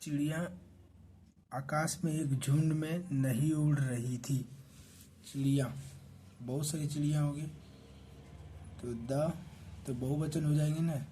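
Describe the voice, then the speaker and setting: Indian male teacher, unhurried and mellow, spells words out, faint hiss behind. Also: a little high, steady tone. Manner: spells words letter by letter, checks in with "ठीक ना". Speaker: English teacher. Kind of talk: slow classroom explanation.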